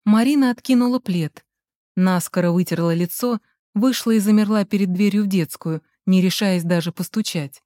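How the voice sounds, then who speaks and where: Mellow woman narrating an audiobook. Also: medium pitch, dry recording, studio quality. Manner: measured, storytelling. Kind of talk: scripted narration.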